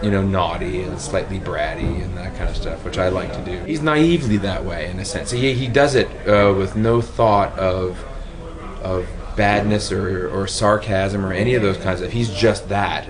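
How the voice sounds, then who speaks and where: Deep-voiced male puppeteer. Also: normal speed, a crowd in the background. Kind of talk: interview answers.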